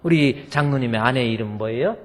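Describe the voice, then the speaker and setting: A man's voice: mid-range voice, brisk. A male pastor preaching a sermon in a church, folksy and joking with the congregation. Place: church sanctuary. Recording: long hall reverb.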